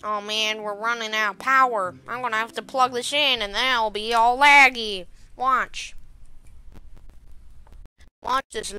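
A woman giving casual let's-play commentary as she plays, quickly frustrated and muttering at the game when things go wrong. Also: on the high side, steady tone, sharp tone, smooth, faint music behind. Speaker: gameplay commentator.

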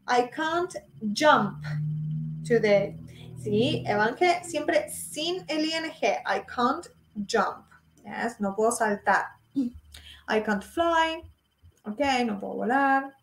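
Teaching English live online, this young woman from Argentina speaks with an Argentine Spanish accent in a fairly high voice with reverb. She works slowly through examples, making sure her students keep up.

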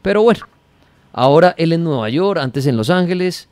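A man's voice: a little high, animated, moderate pace, darkish tone, no echo. A man with a Colombian accent hosting a radio call-in, questioning in a probing, sarcastic way. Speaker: radio host.

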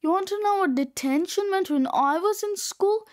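A woman reading aloud, voicing a gruff middle-aged male gym coach who barks deadpan orders. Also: very high voice, moderate pace, voice pushed up.

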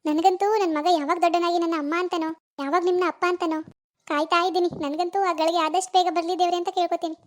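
A woman's voice: very high-pitched, level tone, quick pace. Woman voicing a doting young cartoon mother. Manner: fussy, chatty, coos softly to the baby. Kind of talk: animated cartoon voice acting.

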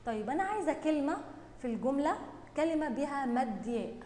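A woman with an Egyptian accent teaching young children Arabic reading, stretching out words slowly and praising them often. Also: high-pitched, lively intonation, a little mellow, echoey room, in a large hall. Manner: drawn-out syllable-by-syllable reading, praising and questioning pupils. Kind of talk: recorded online lesson for young children.

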